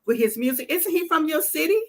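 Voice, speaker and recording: A woman's voice: high-pitched, lively intonation, fairly quick. A woman hosting a casual talk show, chatting loosely about the news. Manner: reads a letter aloud; loose, conversational. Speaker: podcast host. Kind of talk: casual chat.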